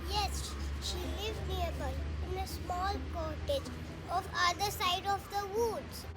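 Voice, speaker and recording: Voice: extremely high pitch, slow pace, far from the mic. A performer playing an innocent, trusting little girl in a children's puppet show. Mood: cheerful, trusting. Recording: echoey room, music behind.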